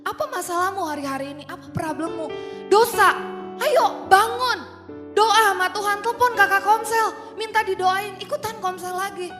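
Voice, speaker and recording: A woman preaching an animated, playful online youth sermon. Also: very high-pitched, normal speed. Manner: animated, playful, mixes in English phrases. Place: online church service in a large hall. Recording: reverberant hall with faint music.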